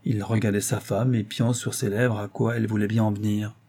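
Husky dark-voiced male narrator. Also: on the low side, little pitch movement. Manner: measured, lyrical narration. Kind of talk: audiobook reading of a classic short story.

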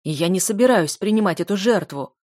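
A woman voicing a cold, aloof young male dark mage who speaks curtly and dismissively. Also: on the low side, animated, normal speed, no echo, studio quality. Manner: curt, dismissive, restrained.

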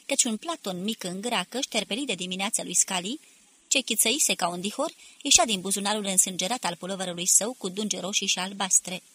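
A woman narrates a novel for an audiobook. Her voice is bright and a little husky, and she reads with energy, pushing up her voice for the quoted shouts. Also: mid-range voice.

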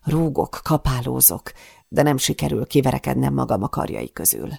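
A woman's voice: very deep voice, expressive, creaky, a little mellow, breathy edge, no echo, studio quality. A woman narrating a first-person audiobook in a dramatic, breathless manner.

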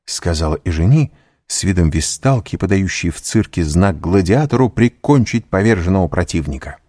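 Deep-voiced male narrator for a dramatic novel reading, dry studio sound. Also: animated, moderate pace, dark tone, dry recording. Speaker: audiobook narrator. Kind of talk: scripted narration.

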